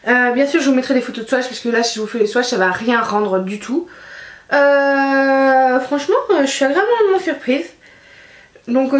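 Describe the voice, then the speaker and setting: A woman's voice: on the high side, reverberant. A woman casually reviewing a makeup palette, chatty and hesitant with frequent fillers. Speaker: beauty vlogger.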